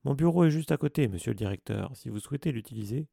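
A man's voice: medium pitch, animated, quick pace, gravelly, mellow, no room sound, studio quality. A man voicing a vain, self-important male wizard teacher in an audiobook, eager and pompous. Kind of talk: audiobook character voice.

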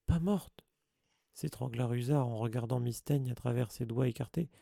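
Casting : narrateur masculin, timbre rocailleux, lecture de conte posée. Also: male voice, mid-range voice, steady tone, fairly quick, gravelly, dark tone, no room sound, studio quality. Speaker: audiobook reader. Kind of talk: storybook narration.

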